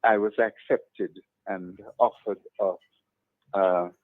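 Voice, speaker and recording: An older man from Trinidad, a psychiatrist, talks slowly and hesitantly as a guest on a phone interview. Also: on the low side, steady tone, dry recording. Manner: slow, hesitant, measured. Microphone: phone line. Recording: tinny phone line.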